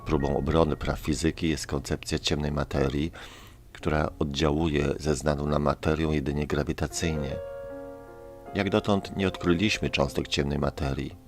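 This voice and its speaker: A man with a very deep, low voice reads a scripted science narration. His delivery is calm and measured, laying out each point steadily. Music plays clearly underneath the voice-over. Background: background music.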